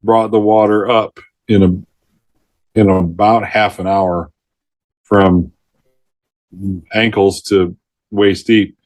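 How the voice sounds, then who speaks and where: In a casual interview, a middle-aged retired forest ranger tells rescue stories in a fairly low voice, speaking slowly with long pauses and no echo. He's a lively storyteller, often laughing mid-sentence and acting out what people said.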